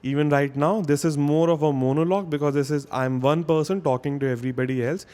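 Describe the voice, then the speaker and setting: A man's voice: on the high side, fairly even intonation, fast, darkish tone. A man teaching a vocabulary lesson in a casual spoken style, explaining step by step and often checking in with "okay?". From India.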